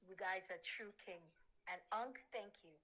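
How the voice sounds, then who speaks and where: A woman's voice: mid-range voice, unhurried, pushed and bright, rough recording. A woman from New York giving an earnest, exhorting closing statement on a religious panel.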